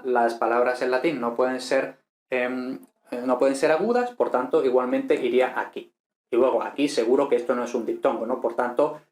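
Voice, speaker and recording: A man walks through a Latin text as a teacher. He talks loosely, with fillers and little asides, at a middling pitch. The room gives his voice a roomy echo. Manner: relaxed and chatty, full of fillers and tag questions. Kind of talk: explaining a text in a lesson.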